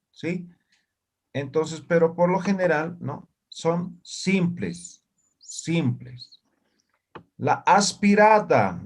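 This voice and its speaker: A man from Bolivia, teaching a live online language class over a video call and patiently checking in after nearly every phrase. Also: on the high side. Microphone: computer mic on a video call.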